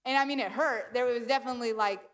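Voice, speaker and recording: A woman giving a sermon in a church, telling a personal story in an animated, self-deprecating way. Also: fairly high pitch, quick pace, long reverb tail. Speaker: guest speaker. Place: church sanctuary.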